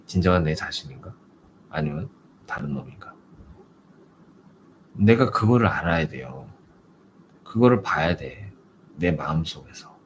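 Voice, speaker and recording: A man's voice: very deep voice, lively intonation, a little slow, pauses often, a little hiss or hum. A man teaching as a Zen meditation teacher in a conversational sermon, full of rhetorical questions and prompting tags.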